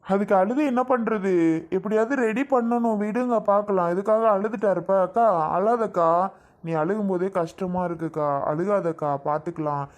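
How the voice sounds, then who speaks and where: A man playing a kind younger brother in a family drama skit, speaking in a calm, reassuring way. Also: sits high, moderate pace, lightly acted. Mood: comforting.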